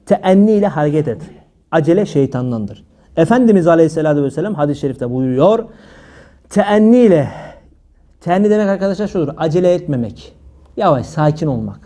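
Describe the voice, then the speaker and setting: A male preacher giving a religious talk, his voice sitting high yet sounding warm and mellow. He teases his listeners with jokes between the teachings. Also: lively intonation, fairly quick. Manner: humorous, teasing the audience between teachings. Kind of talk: religious talk to a live audience.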